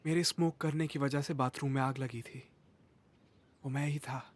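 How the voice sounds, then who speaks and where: A man's voice: medium pitch, fairly even intonation, moderate pace, close to an everyday voice. A man playing a regretful young man. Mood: tense. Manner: earnest, regretful. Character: remorseful young man back in high school. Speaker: lead character and narrator. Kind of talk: Hindi dub of a TV drama.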